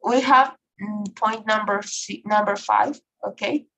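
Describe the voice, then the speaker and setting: A woman's voice: medium pitch, steady tone, measured pace, vocal fry, fairly bright tone, rough recording. Woman teaching English online. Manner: frequent checking questions, filler okay and right.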